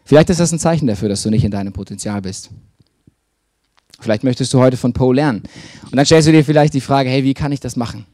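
A man delivering a sermon at a middle pitch, speaking personally and confessionally. He often restarts sentences and fills pauses as he talks. The sound is dry and close, with little room echo. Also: dark tone. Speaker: preacher.

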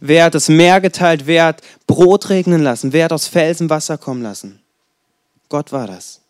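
Ein Mann in seinen Zwanzigern, der locker und erzählend predigt und dabei rhetorische Fragen stellt. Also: male voice, fairly high pitch, a little fast, clean tone, dry recording, studio quality. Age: 20s. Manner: conversational, storytelling, rhetorical questions. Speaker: preacher. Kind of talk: casual sermon.

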